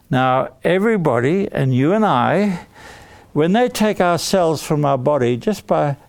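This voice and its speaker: A man telling a story to children, explaining things simply and deliberately. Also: a little high, vocal fry, a little mellow, no echo.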